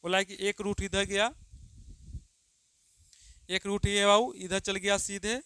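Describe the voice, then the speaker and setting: A man's voice: high voice, little pitch movement, measured pace, bright, forceful tone, smooth, no echo. A man teaching a grammar lesson to students, who keeps asking questions and answering them himself, calling them "babu" and drawing out the example sentences he dictates.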